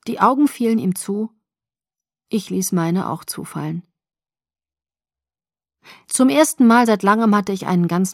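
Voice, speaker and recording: Female audiobook narrator, calm even read, dry studio sound. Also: mid-range voice, no room sound. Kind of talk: scripted first-person narration.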